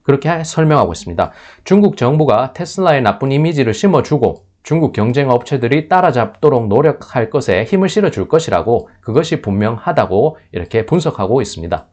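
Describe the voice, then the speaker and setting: A man's voice: medium pitch, very animated, a little fast, hardly any pauses, darkish tone. Male news commentator, unscripted, mid-range voice, frequent restarts. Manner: thinking aloud, with restarts and filler sounds.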